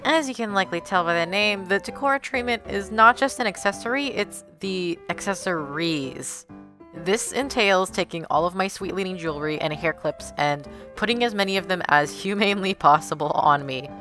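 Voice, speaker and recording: A woman's voice: mid-range voice, moderate pace, pushed and bright, faint music behind. A young adult woman hosting a casual fashion vlog in a chatty, playful, self-deprecating way. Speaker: fashion video host. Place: small room at home with shelves.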